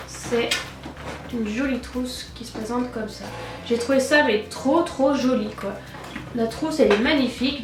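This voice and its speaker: A woman with a French accent from France, chatting enthusiastically through an unboxing, her voice thick with a cold and sore throat, as if her tonsils were swollen. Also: on the high side. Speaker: beauty vlogger and cosmetics brand ambassador. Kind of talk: casual chatty unboxing narration. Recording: roomy echo, distant mic, music.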